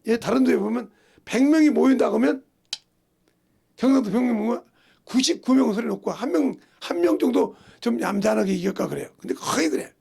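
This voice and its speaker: Gravelly, animated man preaching a sermon. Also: very high voice, fairly quick. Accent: Korean. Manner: animated, folksy storytelling with rhetorical questions to the congregation. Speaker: pastor.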